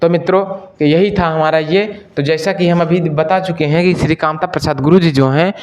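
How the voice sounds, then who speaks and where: This male Hindi teacher's voice is a little high, steady, and darkish in tone. Running an exam-prep lesson, he addresses listeners as friends, echoes each question to the class and supplies the answer himself, stretching example sentences out slowly.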